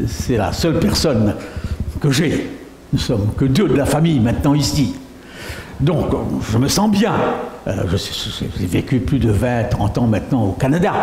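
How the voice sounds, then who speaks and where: A middle-aged man from Mauritius delivers a sermon testimony with a lively, swinging pitch and an unhurried pace. He keeps checking in with his listeners through rhetorical questions. The voice rings in a roomy hall over a faint hum. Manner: animated, asks the audience rhetorical questions. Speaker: pastor. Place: church meeting hall. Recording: echoey hall with faint noise.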